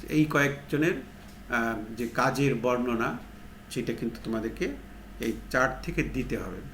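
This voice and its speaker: A man gives a tutorial lesson, stepping through each point and answering his own questions. His voice is of ordinary pitch for a man. The room sounds echoey, with a faint hum underneath. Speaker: English teacher.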